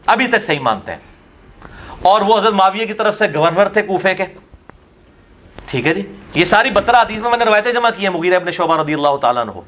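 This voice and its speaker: A man's voice: high-pitched, a bit bright. A man as an interview guest, arguing a religious point in a combative, scornful way with pointed rhetorical questions. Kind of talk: heated religious debate talk.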